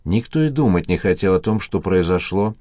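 A man narrating a detective novel as an audiobook, in an even, measured reading. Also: low voice, dry recording, studio quality.

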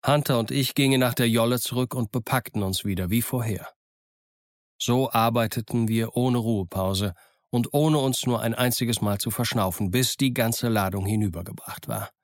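A man narrating an adventure audiobook in a steady, measured reading. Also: mid-range voice, no echo, studio quality. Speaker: audiobook reader. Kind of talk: scripted narration.

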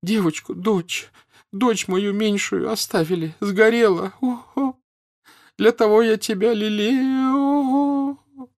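A man voicing a desperate middle-aged mother who wails and sobs in a shrill voice. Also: fairly even intonation, takes it slowly. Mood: wailing. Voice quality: sobbing, shrill.

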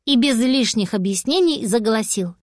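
A woman narrating a children's story in a lively, expressive reading. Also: on the high side, moderate pace, dry recording, studio quality. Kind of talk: audiobook narration.

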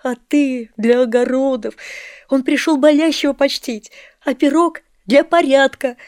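A woman reading an audiobook, voicing a kind but hot-tempered young woman who flares up quickly. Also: high-pitched, steady tone, a little mellow, no echo, clean studio sound, pitched above the performer's own voice. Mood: heated. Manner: quick, heated outbursts.

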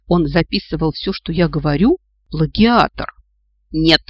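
A man voicing a feisty, sharp-tongued young woman who scolds and mocks her companions, in a storybook reading. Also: high voice, lively intonation, normal speed, no room sound, lo-fi sound. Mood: indignant. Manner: sarcastic, exasperated, scolding.

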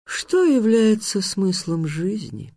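A man voicing a smug, hungry male sphinx who teases with riddles, drawing his words out slowly. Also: high voice, very animated, a little mellow, dry recording, voice pushed up, heavily acted. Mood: teasing. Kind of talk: audiobook character voice.

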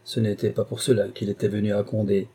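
A man narrating a classic novel as an audiobook reader in a measured, even storytelling manner. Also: on the low side, husky.

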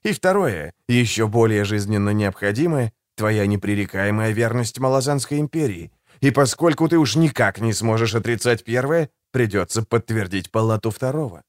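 A man reading an audiobook, voicing a suave, condescending male assassin in a soft, low, silky voice. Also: expressive, moderate pace, few pauses, dry recording, studio quality, natural voice. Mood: silky, ironic. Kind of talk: audiobook character voice.

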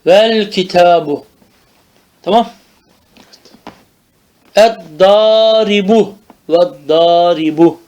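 A man teaches grammar in the old madrasa manner, with a high voice. He speaks slowly and draws out each term. He keeps asking whether the point is understood. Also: darkish tone, clean tone. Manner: drills terms slowly, asks checking questions. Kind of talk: traditional madrasa-style grammar lesson.

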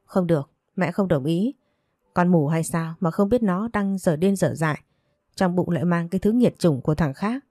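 A woman voicing a domineering old mother-in-law who scolds fast and loud in a storybook reading. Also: lowish voice, no room sound, studio quality.

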